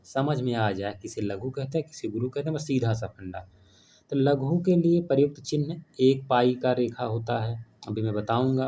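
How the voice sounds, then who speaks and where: A man's voice: medium pitch, warm tone, a little hiss or hum. A man teaching an online grammar lesson, explaining step by step and asking questions that he then answers himself. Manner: explanatory, asks and answers his own questions.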